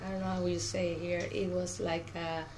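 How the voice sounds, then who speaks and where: In an oral history interview, a middle-aged Cuban woman who speaks Spanish answers questions about her life as an auto plant worker. Her lowish, darkish voice holds a level tone and moves a little fast. Background noise is clearly audible.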